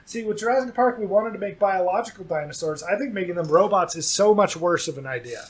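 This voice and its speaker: With a high-pitched, husky voice and lively intonation, a comedy news co-host trades scripted banter at a fast clip. His jokes come out dry, and he playfully teases his co-host.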